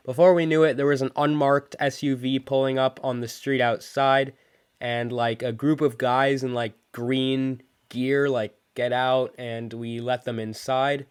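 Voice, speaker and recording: A man's voice: mid-range voice, smooth, dry recording. Young guy telling a storytime, laid back and chatty, dry close mic. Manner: relaxed, chatty, fillers like "like" and "so anyways". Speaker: channel creator. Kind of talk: casual storytime narration.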